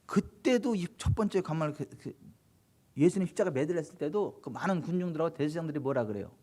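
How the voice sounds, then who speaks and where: A male pastor in full preaching mode, his voice sitting a little high for a man. He drives his points home with rhetorical questions. He moves from ringing exhortation to quiet, low-spoken passages. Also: expressive, fast. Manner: swings between loud exhortation and hushed low delivery. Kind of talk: Korean sermon at a Friday late-night service.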